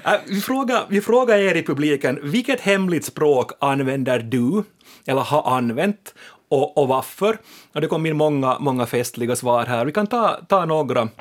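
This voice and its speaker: A man's voice: on the high side, lively intonation. A man with a Finland Swedish accent co-hosting a radio chat, playful as he reads out listener messages. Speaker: radio co-host.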